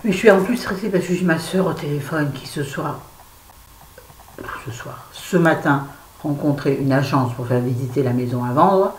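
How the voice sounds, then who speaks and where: A woman's voice: low voice, normal speed, darkish tone, slight background noise. A woman in her fifties talks straight to camera in a casual vlog, rambling from one thing to the next with blunt, self-mocking remarks. She sounds stressed and a bit irritable. The recording has an echoey room sound with faint background ambience. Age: 50s. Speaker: vlogger. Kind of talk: casual unboxing chat to camera.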